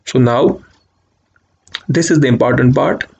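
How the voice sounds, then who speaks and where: Male channel host, medium-pitched voice-over for a screen tutorial, plain step-by-step instructing. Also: a little slow, gravelly, a little mellow. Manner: step-by-step instructional, repeats "just click on this". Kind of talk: screen-recorded walkthrough. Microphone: voice-over over screen capture.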